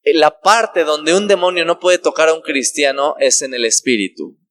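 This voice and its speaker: A man's voice: on the high side, moderate pace, a bit bright, dry recording. A man preaching a sermon who asks the congregation rhetorical questions and briefly acts out the voices of the people in his parable. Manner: acts out quoted dialogue in the parable.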